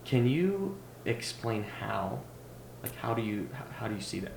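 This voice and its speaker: A man hosting a casual podcast interview, restarting his sentences often and quick to agree. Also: on the low side, sing-song, darkish tone. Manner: stammering restarts, quick affirmations. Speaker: podcast host. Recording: roomy, with clear noise.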